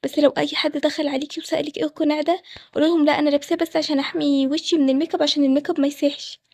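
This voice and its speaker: Runaway young bride, voiced by a woman, Egyptian, high and rushed. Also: flat delivery, dry recording. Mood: scheming. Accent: Egyptian Arabic. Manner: fast and pleading.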